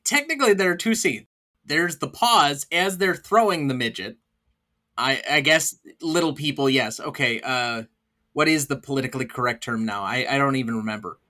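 A man's voice: mid-range voice, moderate pace, pushed and bright. A man hosting a casual film podcast, running through scenes and stammering at times. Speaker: podcast host.

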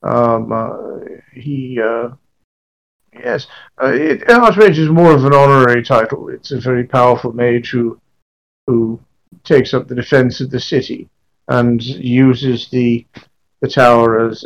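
A man's voice: medium pitch, gravelly, rough recording. Man playing a hesitant, miserable scribe. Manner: hesitant, stammering, apologetic. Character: miserable, timid, down-on-his-luck male scribe. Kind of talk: tabletop role-play.

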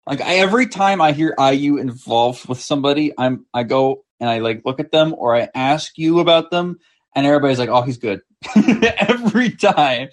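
A man's voice: on the high side, expressive, normal speed. A man co-hosting a sports podcast, talking casually and repeating words as he thinks. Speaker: podcast co-host.

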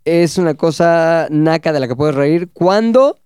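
A Mexican man hosting a podcast in a high, smooth voice, loose and full of slang. The sound is close and dry, with no room around it. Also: expressive, measured pace, a little mellow, dry recording. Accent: Mexican Spanish. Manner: joking, slangy, reads list aloud. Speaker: podcast host. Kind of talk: casual podcast banter. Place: small studio set.

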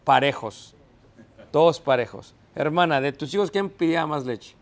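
Animated, questioning male preacher. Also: a little high, moderate pace. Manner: asks the congregation questions and answers himself; acts out everyday scenes with quoted voices. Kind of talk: sermon.

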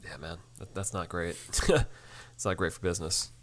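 A man's voice: low voice, little pitch movement, normal speed, a bit bright. A man co-hosting a podcast in easygoing casual chat about a TV episode, often tossing in "man" and laughing. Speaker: podcast co-host.

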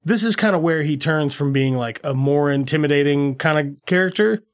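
A man in casual chat recapping a film scene by scene, laughing often and slipping into quick character voices. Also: a little high.

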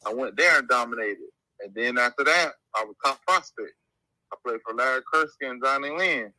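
A man's voice: medium pitch, fairly quick, bright, forceful tone, no room sound. A young man talking over a phone on speakerphone, held up to the mic, as a guest football player casually telling his career story and stringing events together. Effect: phone call played over speakerphone held to the mic. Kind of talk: casual rambling life story.

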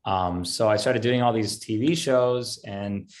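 On a podcast, a thirty-something country singer from Miami chats casually with the host at a measured pace, his pitch fairly low. Spanish is his first language. He sounds easygoing and rambles, filling gaps with lots of "um" and "you know."

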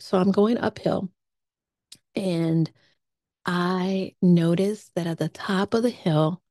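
A woman podcast host telling a personal travel story in a lively way, acting out her own thoughts as quotes. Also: fairly low pitch, no room sound, studio quality.

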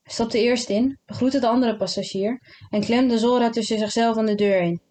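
A woman reading a literary novel aloud in a calm, measured way. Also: on the high side. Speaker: narrator. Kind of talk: literary audiobook narration.

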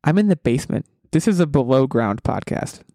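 A man's voice: mid-range voice, very animated, fairly quick, dark tone, dry recording, studio quality. A man hosting a casual pop culture podcast, speaking in an opinionated, emphatic way and often restarting his sentences. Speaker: podcast host. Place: basement room at home.

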